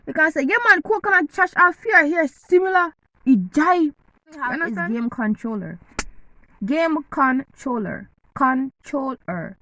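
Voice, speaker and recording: Bright high-voiced Jamaican woman. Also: animated, normal speed, no room sound, rough recording. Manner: playful, teasing, eating while talking. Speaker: vlogger. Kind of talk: casual chat to camera.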